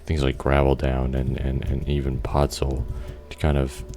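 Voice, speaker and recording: A man's voice: a bass voice, completely flat delivery, moderate pace, dark tone. A man casually talking through his gameplay, thinking aloud with lots of restarts, fillers and the odd swear word. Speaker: gameplay video creator.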